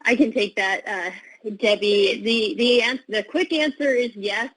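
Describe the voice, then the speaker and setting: A woman clinical pharmacist answering webinar questions over a video call, measured, with frequent filler pauses. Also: fairly high pitch, fairly bright tone, slightly rough, dry recording, poor audio.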